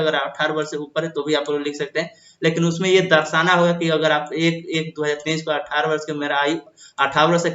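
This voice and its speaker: A man with a slightly high voice walks through an official notice, going over each point again and padding it with fillers and restarts. The sound is dull and lo-fi, as if recorded with a cheap mic. The room around him is echoey. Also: fairly bright tone. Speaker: explainer of a government notice. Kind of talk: casual explainer video reading out a notice.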